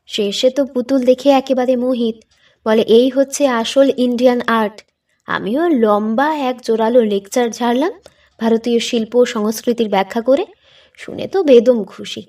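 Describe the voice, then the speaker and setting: A woman's voice: on the high side, dark tone, recorded from a distance. A woman narrating a short story as an audiobook, reading steadily and expressively.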